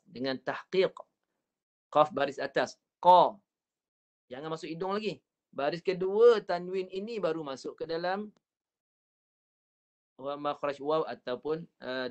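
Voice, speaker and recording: Malaysian Malay male recitation teacher, fairly high voice, slow and repetitive, models each sound. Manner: patient, repeats points, drawn-out recited syllables. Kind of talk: online Quran recitation class.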